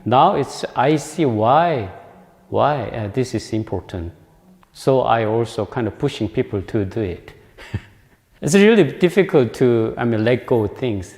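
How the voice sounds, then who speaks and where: A man's voice: medium pitch, expressive, a little slow, darkish tone. A man giving a dharma talk, hesitant and searching for words, often laughing. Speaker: meditation practitioner giving a talk. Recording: long hall reverb.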